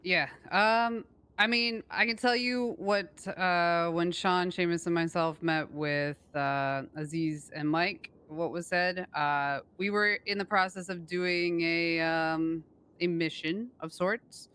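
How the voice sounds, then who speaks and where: Super clear voice, mid pitch, crime game roleplay, hesitant and placating while explaining stuff. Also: fairly even intonation, slow pace, sharp tone. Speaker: role-player as a gang member. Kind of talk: improvised role-play in an online crime game.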